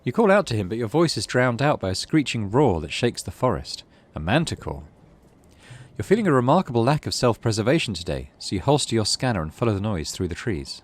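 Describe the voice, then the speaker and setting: A lowish male voice with big pitch swings and a brisk pace. He's a gaming channel host playing a visual novel, thinking aloud in casual let's play commentary and reading the game's story text.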